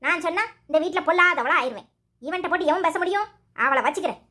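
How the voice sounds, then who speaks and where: A woman voicing a nagging, sharp-tongued old mother-in-law in a cartoon, speaking Tirunelveli Tamil with quick, sarcastic scolding. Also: extremely high pitch.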